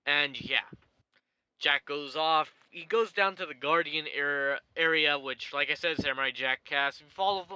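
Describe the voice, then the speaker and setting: A man recaps a cartoon episode in a rambling, chatty way. His voice is bright and a little high for a man. The recording is dry and somewhat dull. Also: moderate pace, smooth, no room sound. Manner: rambling, chatty, laughs at his own jokes. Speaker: YouTube show reviewer.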